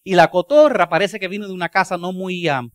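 A man's voice: sits high, fairly quick, no room sound, clean studio sound. A male pastor preaching a sermon in a folksy, joking storytelling manner, asking rhetorical questions and slipping English words into his Spanish.

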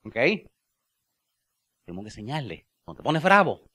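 Male pastor giving a church sermon, mid-pitched voice, jokes then slows right down to stress key lines. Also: very animated, bright, forceful tone. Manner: playful, joking asides and laughter; drawn-out emphatic phrases.

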